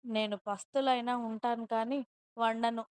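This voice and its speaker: A woman's voice: on the high side, fairly even intonation, normal speed, darkish tone, clear, resonant tone, dry recording, close to an everyday voice. A woman reading a storybook and voicing a spoiled, defiant young rich wife with haughty, scornful retorts. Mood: stubborn. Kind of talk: storybook narration with dialogue.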